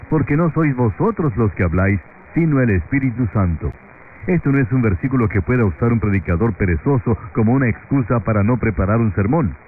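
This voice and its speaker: A lower-voiced man preaches and explains scripture in an even, measured manner. His voice reaches us through a faint, distant radio broadcast, narrow and tinny, with a light hiss of static behind it. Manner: steady, measured verse-by-verse explaining. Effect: heard over a faint, distant AM radio broadcast. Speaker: radio Bible teacher. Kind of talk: expository radio sermon reading scripture.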